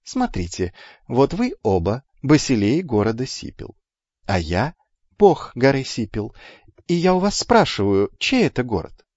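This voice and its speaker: A man voicing a calm, sly trickster god in disguise who speaks in a hushed, unhurried, teasing way. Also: medium pitch, dry recording, highs cut off.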